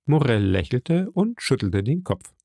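A man reading a novel aloud in an even, measured narration into a close microphone. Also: mid-range voice, creaky, no room sound. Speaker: audiobook narrator. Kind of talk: scripted narration.

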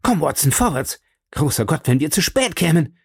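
A man reading an audiobook and voicing a sharp, commanding male detective, lifting his voice above his own and often dropping to a hushed whisper. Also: on the high side, sing-song, normal speed, vocal fry, husky, no echo, studio quality, voice pushed up, exaggerated voice. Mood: alarmed.

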